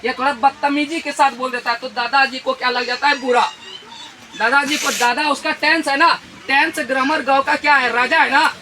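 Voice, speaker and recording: A man's voice: very high voice, fairly even intonation, normal speed. A man teaching a grammar lesson to a classroom, firing questions at the pupils and tagging them with a local "re". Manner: quizzes the class, tags questions with "re". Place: busy school classroom. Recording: noisy crowded room. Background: children's chatter and noise.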